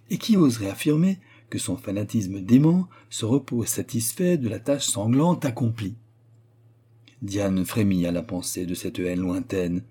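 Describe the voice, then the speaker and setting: A man narrating a story aloud in a measured, dramatic way. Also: mid-range voice, mellow, husky. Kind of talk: audiobook narration.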